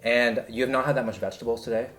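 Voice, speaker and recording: A man's voice: medium pitch, steady tone, racing, fairly bright tone. A young man chatting casually and jokingly in a fitness vlog, explaining diet tips. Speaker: fitness vlogger.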